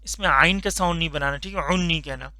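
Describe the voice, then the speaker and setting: A man teaching a Quran reading lesson, slowly drawing out each letter sound for learners to repeat, patient and instructive. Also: a little high, pushed and bright, no room sound. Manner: slow drawn-out recitation of letter sounds for repetition. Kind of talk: Noorani Qaida tajweed lesson.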